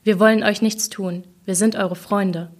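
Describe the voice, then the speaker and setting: A woman reading aloud, voicing a male weapons master who speaks in a hushed, soothing, slow way. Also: medium pitch, steady tone, natural voice. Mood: pleading.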